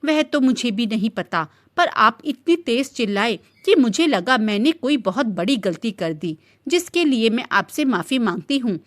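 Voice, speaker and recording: A woman's voice: a little high, animated, normal speed, few pauses, natural voice. A woman voicing a timid, innocent young woman who speaks hesitantly and pleadingly in a storybook reading. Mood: fearful.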